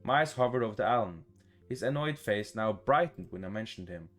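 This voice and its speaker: His voice sits on the low side and moves fairly quickly as he reads a visual novel for a gaming video, soft music in the background. The man is casual and expressive, curses often, and chimes in with playful reactions.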